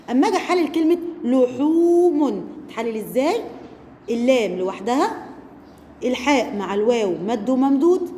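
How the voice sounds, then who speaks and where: A high-pitched woman teacher with an Egyptian accent walks young pupils through a lesson. She draws out each example word slowly and clearly. The recording is roomy, with a faint hiss behind her. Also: a little mellow. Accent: Egyptian Arabic. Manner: slow, stretched-out pronunciation of example words. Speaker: primary school teacher. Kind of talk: recorded online lesson for first graders.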